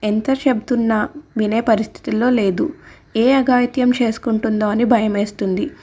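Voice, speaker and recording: A woman reading a story aloud as a storyteller, steady and scripted. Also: on the high side, moderate pace. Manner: reads all characters' lines in her own voice. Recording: soft background music.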